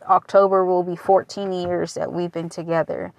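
A woman's voice: fairly low pitch, little pitch movement, moderate pace, vocal fry, no room sound. A woman in her late twenties from Michigan, talking candidly and a bit rambling on her own podcast, with casual swearing. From Michigan, USA. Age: late 20s. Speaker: podcast host. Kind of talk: casual personal podcast monologue. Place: waiting at a taco shop.

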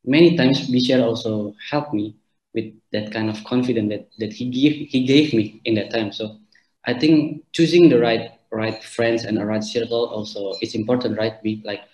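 A man with an Indonesian accent hosting an interview, speaking haltingly and searching for words. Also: medium pitch, fairly even intonation, darkish tone, reverberant, poor audio. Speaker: host.

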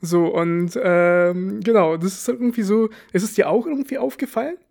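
This young adult man co-hosts a podcast, casually chatting, telling wry anecdotes and laughing often. His voice is high, gravelly and darkish, at a normal speed.

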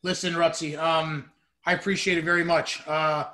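A man's voice: fairly high pitch, flat delivery, moderate pace, sharp tone. A man hosting a podcast, chatting casually about sports. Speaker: podcast host.

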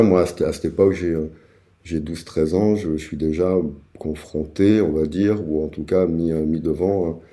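A man in his forties with an extremely low voice and a deeply dark timbre. He is an interview guest telling his life story, halting with fillers and restarting his sentences as he searches for words. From Paris suburbs, France. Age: 40s. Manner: hesitant, many fillers and restarts.

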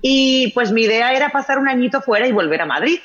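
A Spanish-accented woman talks as an interview guest, telling her story in an animated way with lots of tag questions. Her voice sits high, and the recording is dull and lo-fi. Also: quick pace. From Spain. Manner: warm, animated storyteller with frequent "¿no?". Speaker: guest, writer and journalist. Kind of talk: casual interview chat.

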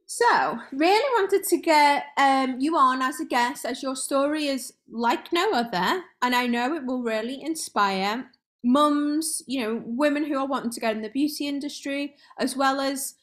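A woman's voice: high voice, unhurried, a bit bright. A woman hosting a podcast, chatting casually and enthusiastically with a guest, rambling a little. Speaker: podcast host. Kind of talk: casual interview chat.

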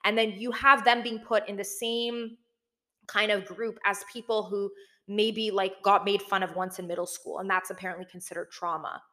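An echoey, big-room recording of a young woman hosting a commentary video. She speaks informally at a middle pitch, as if thinking aloud, with plenty of "like" and "again". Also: steady tone, normal speed, bright, forceful tone. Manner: informal, conversational, frequent "like" and "again". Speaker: video host. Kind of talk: casual video essay commentary. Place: big indoor room with little furniture.

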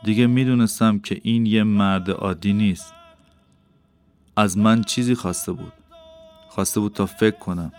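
A man reading an audiobook as a first-person narrator, measured and unhurried. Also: lowish voice, fairly even intonation, a little mellow. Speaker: audiobook reader. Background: faint background music.

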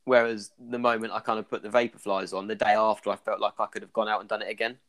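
A man with an Irish accent talks through running injuries as a clinician in a casual podcast discussion. His voice sits fairly low and stays quite flat in pitch. He leans on fillers like "kind of" as he explains. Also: fast talker.

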